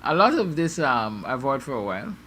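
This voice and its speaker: A man's voice: mid-range voice, sing-song, a little fast, pushed and bright, a little hiss or hum. A Guyanese man hosting a morning show, musing aloud with rhetorical, sarcastic questions to his viewers. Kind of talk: opinion monologue to viewers.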